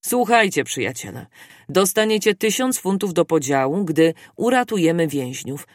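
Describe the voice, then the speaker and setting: A reader voicing a calm, composed English gentleman who speaks in a measured, even way. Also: medium pitch, no echo, studio quality, lightly acted. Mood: calm resolve. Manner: measured and cool.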